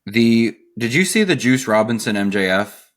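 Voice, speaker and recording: A man's voice: medium pitch, expressive, normal speed. A man co-hosting a podcast, talking casually, laughing often and working through his notes. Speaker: podcast co-host.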